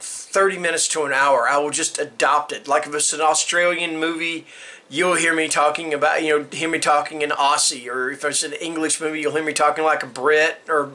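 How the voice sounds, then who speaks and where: A man's voice: on the high side, sharp tone. A middle-aged man chatting casually about his reading habits, rambling and going off on little rants. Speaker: book vlogger. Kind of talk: casual chat answering a tag. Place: room with bookshelves.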